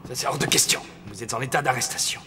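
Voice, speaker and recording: Man acting as film-drama cop, quick speech, sarcastic, assertive, reverberant space, music behind. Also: mid-range voice, in a whisper, close to an everyday voice. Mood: determined. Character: sardonic, stubborn male police officer taking charge. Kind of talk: dubbed film drama dialogue.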